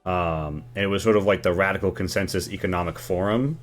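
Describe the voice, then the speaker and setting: A man improvising narration as game master of a tabletop game, casual and colloquial, pausing as he describes. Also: low-pitched, soft background music.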